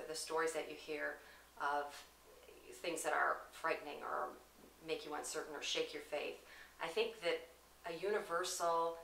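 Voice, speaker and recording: A woman, a student's aunt, talking earnestly and thoughtfully about a poem she loves, slow and deliberate. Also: sits low, fairly bright tone. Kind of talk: poetry reading then casual reflection. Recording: distant mic in an echoey room with hiss.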